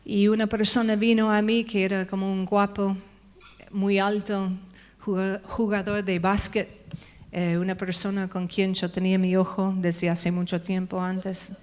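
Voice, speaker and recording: Woman conference speaker, personal testimony sermon, unhurried reflective storytelling, mid-range voice. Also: medium pitch, little pitch movement, clean tone. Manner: slow, reflective storytelling with tag questions. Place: church conference stage.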